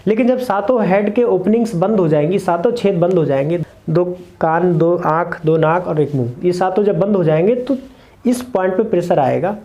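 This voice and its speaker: A man's voice: high voice, moderate pace, dark tone, dull audio. A man teaching meditation to camera, explaining earnestly and repeating key points in short lists. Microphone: camera mic, speaking to camera.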